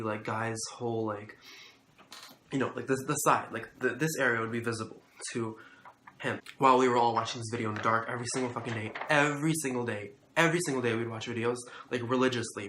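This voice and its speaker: A young man tells a story straight to camera, rambling and loose, with "like" dropped into nearly every phrase and plenty of swearing. His voice sits at an ordinary middle pitch. The room around him rings with echo, and a faint ambient hum runs underneath. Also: a bit bright. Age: young adult. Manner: rambling, heavy use of "like", profane, incredulous. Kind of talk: casual storytelling vlog.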